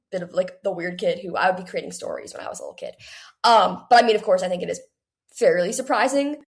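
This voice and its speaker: An eighteen-year-old woman with a mid-range voice is interviewed as a young author. She chats casually and earnestly, saying "like" a lot.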